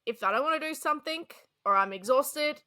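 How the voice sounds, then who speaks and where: A woman, co-hosting a podcast in casual chat, animated and chatty with frequent laughs. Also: high voice, fairly quick. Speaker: podcast co-host.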